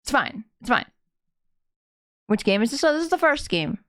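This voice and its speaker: High-voiced woman chatting on a game stream. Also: very animated, normal speed, fairly bright tone. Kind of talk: casual live playthrough chat.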